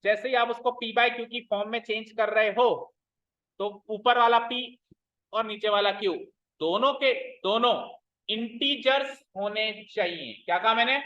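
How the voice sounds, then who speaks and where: A man's voice: high voice, normal speed, bright, forceful tone. A man teaching maths to a class, stern and repetitive, quizzing his students as he explains. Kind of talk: classroom lecture. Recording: roomy, dull lo-fi classroom recording.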